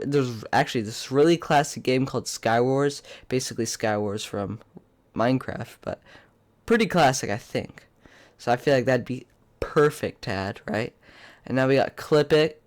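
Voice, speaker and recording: A young man with a congested, pinched-nose voice from a cold, giving rambling, blunt, casual commentary as a YouTuber. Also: medium pitch. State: sick with a cold. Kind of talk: casual opinionated video commentary.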